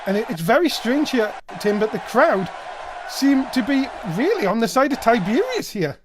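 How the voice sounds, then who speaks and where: A man giving excited wrestling play-by-play commentary with dramatic, exclamatory calls. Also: very high-pitched, normal speed, noisy background.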